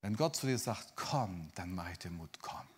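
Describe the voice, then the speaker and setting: A man preaching a sermon, addressing listeners directly and swinging from loud dramatic bursts to hushed, near-whispered lines. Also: low-pitched, animated, a little fast, husky.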